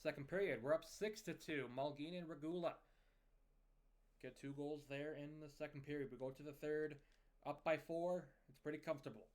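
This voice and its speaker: A young man giving casual play-by-play commentary over a hockey management video game, recapping scores and lineup moves in a steady, conversational way. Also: fairly high pitch, normal speed.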